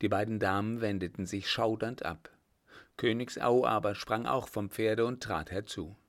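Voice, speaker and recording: A man reading a classic adventure novel aloud as an audiobook narrator, in a steady, measured storytelling manner. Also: fairly low pitch.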